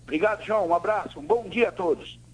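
A Brazilian man with a high voice presents offers live on the radio. He reads items and prices in a promotional style. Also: fast talker, dull audio.

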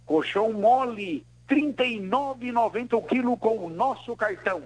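A man's voice: extremely high pitch, animated, moderate pace, poor audio. A Brazilian man presenting a live promotional read-out of prices on the radio. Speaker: radio reporter presenting store offers.

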